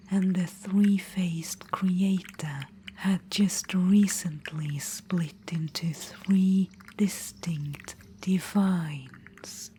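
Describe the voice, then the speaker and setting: A woman with a fairly low voice plays a proud, ancient witch-queen in an ASMR fantasy roleplay. She whispers softly and unvoiced into a close microphone the whole time, calling the listener "darling."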